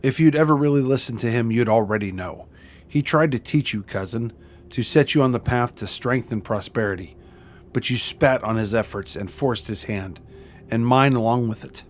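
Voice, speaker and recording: A man's voice: mid-range voice, normal speed, slight background noise, natural voice. Man voicing a haughty foiled villainess, sputtering threats. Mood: defiant, fervent. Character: captured villainous noblewoman, haughty, defiant, sneering and threatening.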